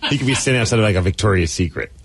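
A man's voice: lowish voice, expressive, rapid-fire, a little hiss or hum. A man hosting a radio show, chatting casually and joking, reading things aloud in mock voices.

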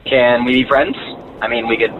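A man's voice: mid-range voice, normal speed. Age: adult. Sex: man. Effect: over a landline phone voicemail. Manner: chummy, upbeat. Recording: tinny, road noise. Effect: over a phone line, as a voicemail. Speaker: caller leaving a voicemail.

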